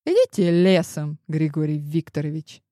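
A woman's voice: low-pitched, moderate pace, warm tone, no echo, studio quality, natural voice. A woman reading an audiobook and voicing a brash, sarcastic secretary in her forties with a cheeky, theatrical manner.

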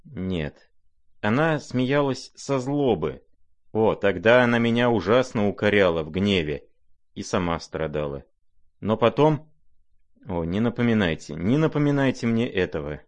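A man playing a gentle, troubled young nobleman who speaks quietly and pleadingly. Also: on the low side, animated, measured pace. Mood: pained.

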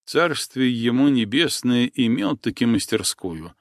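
Man, audiobook narrator, expressive, lively intonation, slow pace, dry close recording. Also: medium pitch, dry recording. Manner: expressive storytelling. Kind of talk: audiobook reading.

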